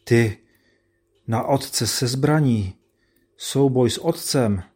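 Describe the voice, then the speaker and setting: A man voicing a proud, wrathful old nobleman father in a read-aloud tale, his voice raised and loud. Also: fairly low pitch, fairly even intonation, natural voice. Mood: outraged. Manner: raised, loud, outraged outbursts.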